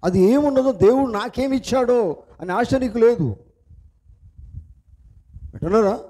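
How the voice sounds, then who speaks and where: High-voiced, mellow Telugu-speaking pastor. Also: male voice. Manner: asks the congregation repeated questions; repetitive, emphatic preaching cadence. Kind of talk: sermon.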